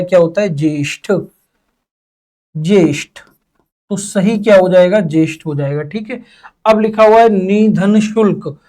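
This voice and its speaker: Brief: young male teacher, high voice, quizzes the class and answers in students' voices, drags out key words. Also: darkish tone. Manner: asks questions and answers them in students' voices. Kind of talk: exam-prep Hindi lesson.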